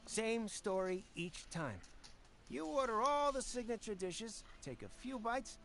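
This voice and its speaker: A shady street hustler leaning on someone for money. The voice wheedles and blusters, swinging widely in pitch. This is game cutscene dialogue. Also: expressive, measured pace, fairly bright tone. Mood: accusing. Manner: wheedling then blustering, stammers when caught.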